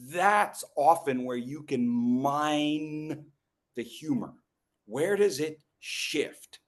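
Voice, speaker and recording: A middle-aged man, an educational speaker at a club meeting, gives a humorous talk on storytelling to a live group in a voice on the high side. He playfully teases people in the room, tosses in quick asides, and slows down with pauses for emphasis.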